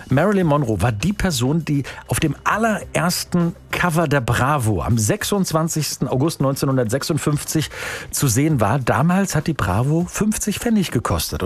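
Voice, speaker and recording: A man hosting a radio call-in quiz, chatty and upbeat, quick to praise and joke with the caller. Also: mid-range voice. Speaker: radio host.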